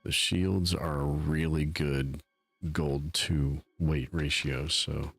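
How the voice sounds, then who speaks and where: Deep gravelly male game streamer. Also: fairly even intonation, slow pace, a bit bright, dry recording. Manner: rambling, self-mocking, talks to chat. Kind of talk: casual live-stream commentary.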